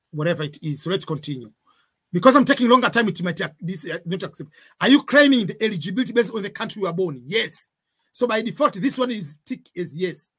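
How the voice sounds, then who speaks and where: A man's voice: sits high, a bit bright, breathy edge. A man, walking viewers through a form in a screen-share tutorial and repeating examples with warnings. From Tanzania. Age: 40s. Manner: repeats points, gives examples, cautionary tone. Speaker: online tutor.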